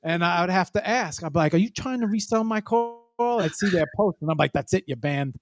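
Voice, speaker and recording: Halting, higher-voiced male guest. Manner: halting, repeats words while telling stories. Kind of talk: casual chat.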